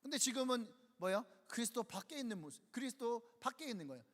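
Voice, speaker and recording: A male pastor preaches a sermon in a church sanctuary. He keeps asking his listeners rhetorical questions and acts out quoted speech. His voice is very high, with a long reverb from the hall. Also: lively intonation, fast.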